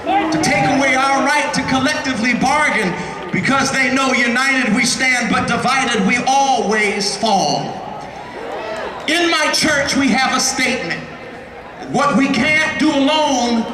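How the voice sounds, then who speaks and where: A man delivers an impassioned union-organizer speech in a very high, raised voice. He builds emphatic, repeated phrases like a preacher. The sound echoes heavily through a rally PA, with a big crowd and music behind him. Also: a little slow, noisy background. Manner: shouting, emphatic, repetitive oratory of a union organizer. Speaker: speaker at a labor rally.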